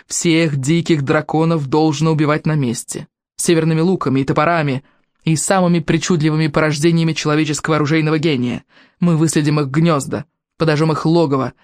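A man's voice: on the high side, dry recording, studio quality, close to an everyday voice. A man voicing a treacherous one-eyed villain king in an audiobook, with a sugary, gloating, mocking way of speaking. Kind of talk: audiobook character voice.

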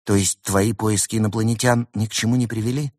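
A man's voice: on the low side, fairly even intonation, fast talker, a little mellow, dry recording, clean studio sound, close to an everyday voice. A man voicing a timid male rabbit in a storybook reading, speaking hesitantly and sheepishly.

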